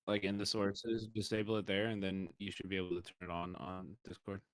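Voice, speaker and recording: Man, fellow streamer, casual livestream chat, joking, somewhat low voice, dry sound. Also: monotone, a little fast, no echo. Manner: loose, joking, chatty.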